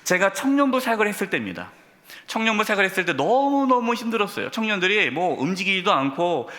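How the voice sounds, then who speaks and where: A middle-aged male pastor preaching a sermon, telling stories and putting questions straight to his congregation. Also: high voice. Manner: addresses congregation directly with questions; storytelling, animated emphasis. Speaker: senior pastor. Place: church sanctuary. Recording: long church hall reverb.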